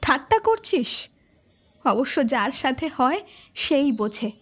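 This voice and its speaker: A young woman shaken by a strange sighting, in a horror audio drama. She speaks in a high voice, uneasy and now and then irritated. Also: sing-song, takes it slowly, exaggerated voice. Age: young adult.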